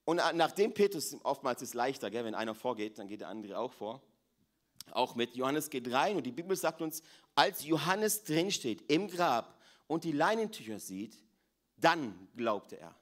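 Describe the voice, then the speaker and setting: Preacher swinging from hush to fervor. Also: male voice, mid-range voice, very animated, normal speed. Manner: dramatic swings between hushed and raised voice, repeats phrases. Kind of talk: sermon.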